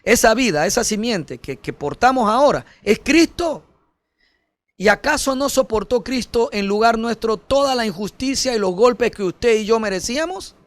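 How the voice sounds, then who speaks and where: Male pastor, sermon delivery, higher-pitched voice, dry close sound, direct and earnest, calls listeners brother. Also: lively intonation, normal speed, no echo. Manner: earnest preaching, rising to emphatic peaks then dropping soft.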